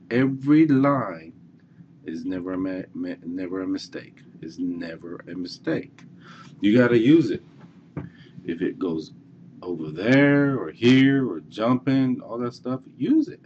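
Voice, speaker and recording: Deep-voiced man giving a halting walkthrough. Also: expressive, darkish tone, lo-fi sound, slight background noise. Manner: halting, repeats and restarts, says okay a lot. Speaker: online course presenter. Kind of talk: casual screencast walkthrough.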